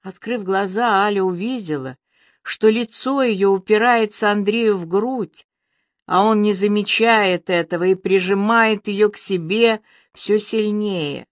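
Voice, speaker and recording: A woman's voice: mid-range voice, unhurried, dry recording. Woman reading an audiobook, dry sound. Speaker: narrator.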